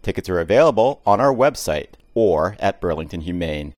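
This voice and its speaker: A man reading a scripted charity lottery promo in a clear announcer style. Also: sits low, lively intonation, moderate pace, dry recording, studio quality.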